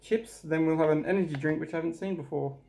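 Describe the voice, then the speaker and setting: A man's voice: fairly high pitch, fast, vocal fry, dark tone. A man in his thirties with an Australian accent, casually hosting a snack review at a kitchen table. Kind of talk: casual chat, product review. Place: small domestic kitchen, indoors. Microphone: camera mic at table distance. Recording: noisy room, bag crinkling.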